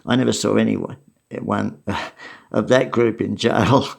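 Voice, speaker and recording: Older Aussie male storyteller, gravelly voice, wry and matter-of-fact. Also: lowish voice, steady tone, slow pace. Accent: Australian. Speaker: storyteller recounting memories. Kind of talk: casual spoken memoir.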